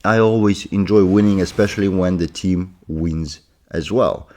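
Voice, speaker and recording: This gaming commentator talks through his racing game as he plays, his throat sore from a cold. He speaks at a moderate pace in a low, darkish voice, musing aloud casually with plenty of filler words.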